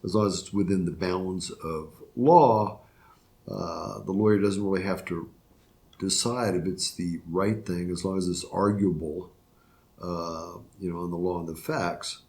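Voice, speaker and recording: The voice sits low, steady, creaky and darkish: an older retiring circuit court judge from Florida, USA, reflecting in an interview. Frequent restarts and fillers make his answers halting.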